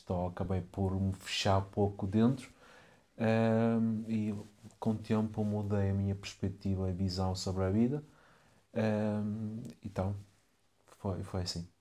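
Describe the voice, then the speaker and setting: A man's voice: deep voice, darkish tone. A young man from Ukraine with Ukrainian as his first language, speaking hesitantly and reservedly as an interview guest. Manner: hesitant, reserved, many fillers. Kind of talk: casual interview.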